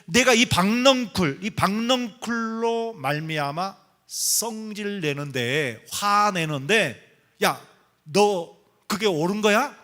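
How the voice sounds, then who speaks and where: A preacher voicing a stern, questioning God. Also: male voice, high voice, slow, pushed and bright, pitched above the performer's own voice, heavily acted. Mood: challenging. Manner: blunt rhetorical questions, informal speech.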